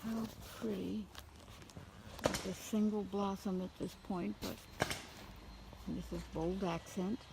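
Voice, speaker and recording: A woman's voice: medium pitch, fairly even intonation, takes it slowly, vocal fry, long pauses, noisy background. A middle-aged woman walking outdoors through her home garden, pointing out flowers with gushing enthusiasm on a camera mic. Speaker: gardener giving a garden tour. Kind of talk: casual walking garden tour.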